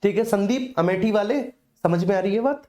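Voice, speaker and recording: A middle-aged woman teaches an exam-prep class with a warm, mellow voice. She repeats every key answer and speaks to her students fondly as children. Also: mid-range voice, a little fast. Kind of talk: online exam-prep lesson.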